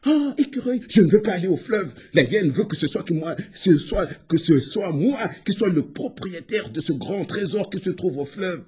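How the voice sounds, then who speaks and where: A man voicing a sly, mischievous male hare in a folk tale, wailing in a high, pleading voice. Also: animated, normal speed, hardly any pauses, warm tone, breathy edge, heavily acted. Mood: plaintive. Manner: shrill, pleading wails.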